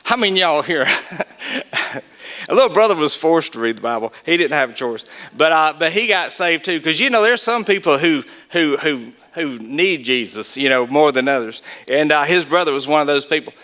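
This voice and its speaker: Bright-voiced man telling a story. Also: a little high, expressive, moderate pace. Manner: folksy storyteller acting out quoted voices. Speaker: Gideons speaker. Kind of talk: storytelling testimony talk.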